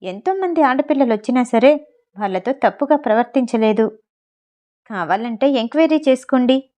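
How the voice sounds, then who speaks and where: A woman's voice: a little high, expressive, moderate pace, mellow, close to an everyday voice. Woman voicing a pleading groom's father. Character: groom's father, pleading middle-aged man.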